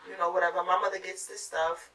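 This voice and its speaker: A young woman tells a profane, animated story while doing her makeup and acts out what everyone said. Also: on the low side, fast, far from the mic. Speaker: beauty vlogger. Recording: roomy sound, mic set back.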